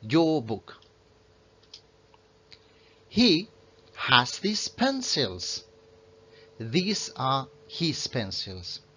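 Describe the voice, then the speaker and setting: A man, a native Spanish speaker, explaining English grammar in an online lesson and slowing right down to read example sentences. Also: mid-range voice, a bit bright, dull audio. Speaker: English teacher.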